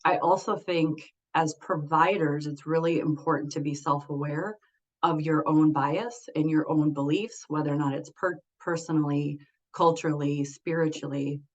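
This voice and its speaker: A woman's voice: low voice, steady tone, moderate pace. Earnest woman clinician, muffled recording. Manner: thoughtful, earnest, reflective. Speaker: mental health clinician. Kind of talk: panel discussion answer.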